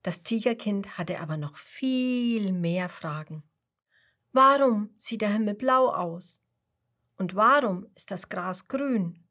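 Slow, gentle woman storyteller. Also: mid-range voice, lively intonation. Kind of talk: children's story reading.

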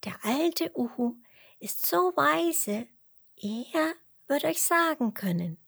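A woman voicing a tiny, brave forest mouse who squeaks loudly in a children's storybook. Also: big pitch swings, slow, gravelly, no room sound, studio quality, full character voice. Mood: commanding. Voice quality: squeaky, shrill.

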